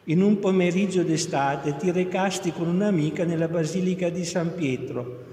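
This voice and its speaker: A man voicing an elderly Capuchin friar, gentle and all-knowing, speaking slowly and calmly in an echoey hall. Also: high-pitched, lightly acted. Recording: echoey hall, long reverb.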